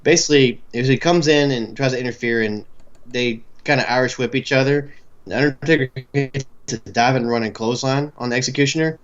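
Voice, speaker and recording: Animated male podcast co-host, dull sound. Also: mid-range voice, a little fast. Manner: animated storytelling, laughs easily. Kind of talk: casual chat.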